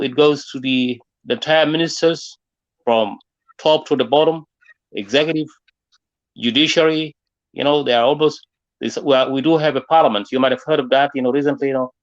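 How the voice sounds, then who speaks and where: Speaking at a normal pace in a mid-range voice with fairly even intonation, this South Sudanese forum host and interviewer leads an unscripted political discussion with his South Sudanese accent. He wanders discursively, often dropping "you know," and the recording's highs are cut off.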